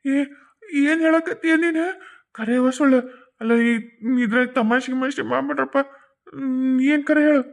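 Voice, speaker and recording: A woman's voice: high voice, steady tone, moderate pace, gravelly, long pauses. A woman playing a frantic young village messenger. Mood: urgent. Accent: North Karnataka Kannada. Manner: urgent, tearful pleading. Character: young village man bringing bad news, frantic.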